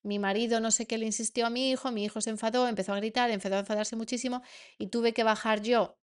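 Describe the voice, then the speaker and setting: A woman's voice: on the high side, steady tone, quick pace, clean tone. A woman with a Spain Spanish accent, teaching a masterclass to parents as a coach, earnest and repeating words for emphasis.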